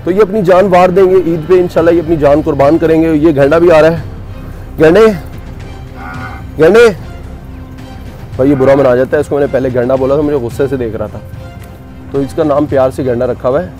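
A man's voice: on the high side, fairly even intonation, fast, mellow, faint music behind. A man giving casual walking vlog commentary while touring a cattle farm outdoors, chatty and joking with his viewers.

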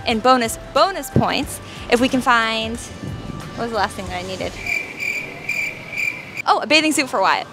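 A woman's voice: fairly high pitch, animated, moderate pace, pauses often, over loud music, low-quality recording. A young woman vlogging at a busy covered market, talking in a bubbly, chatty way and often laughing, filmed on a handheld camera. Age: young adult. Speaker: travel vlogger. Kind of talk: casual vlog chat. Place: large covered outdoor food market. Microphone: handheld camera at arm's length.

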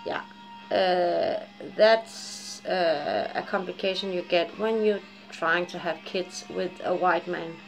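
In a dim living room at home, a woman in her forties chats candidly to camera, taking it slowly in a creaky voice on the low side. The vlogger, from Japan and Denmark, has a Japanese and Danish accent and rambles, laughs often and curses freely. Soft background music accompanies the low-quality audio.

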